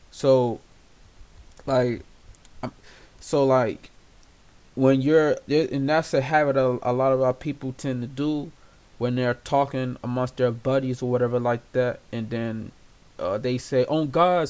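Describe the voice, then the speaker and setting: A man's voice: mid-range voice, a little mellow. A man leading an informal Bible study, reading scripture aloud and explaining it casually with many fillers. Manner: casual and conversational, many fillers and "you know"; reads scripture aloud in old-style wording. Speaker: Bible teacher.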